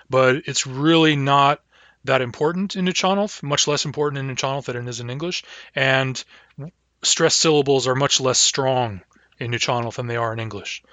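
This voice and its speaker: A man teaching a language class online, talking in a halting way with frequent fillers. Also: medium pitch, a bit bright, dry recording.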